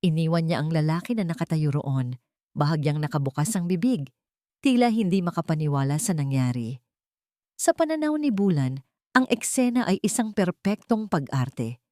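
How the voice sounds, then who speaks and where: A woman with a Filipino accent narrates a dramatic scripted story in a low, darkish voice with lively intonation at a moderate pace. The sound is clean studio quality with no room sound.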